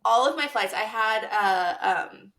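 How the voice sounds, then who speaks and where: Woman, podcast co-host, slightly high voice, upbeat, casual chat. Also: measured pace, fairly bright tone. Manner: upbeat, playful, leads the talk.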